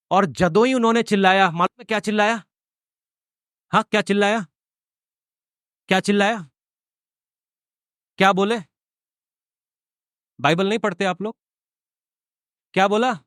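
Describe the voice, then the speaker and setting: A man preaching a sermon as pastor, questioning his congregation in call-and-response and building to drawn-out, fervent cries. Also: sits high, fairly bright tone, no room sound, clean studio sound.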